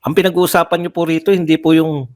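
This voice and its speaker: A man's voice: a little high, level tone, quick pace. A man giving heated livestream political commentary, firing off rhetorical questions and repeating phrases for emphasis.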